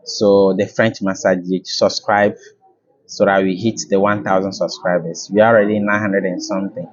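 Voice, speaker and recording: Male language teacher, lowish voice, filler-heavy casual explaining, muffled lo-fi sound. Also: flat delivery, moderate pace, a little hiss or hum. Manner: explains with many fillers and repeats. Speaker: French teacher. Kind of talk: casual video lesson.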